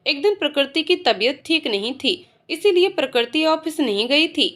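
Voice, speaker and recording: Brief: woman storyteller, high voice, steady scripted narration. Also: moderate pace.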